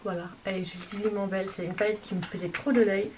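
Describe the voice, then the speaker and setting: A woman showing off a makeup haul in a casual, gushing way, sometimes dropping to a soft whisper. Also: mid-range voice, steady tone, quick pace. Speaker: beauty vlogger. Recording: distant mic with clear background noise.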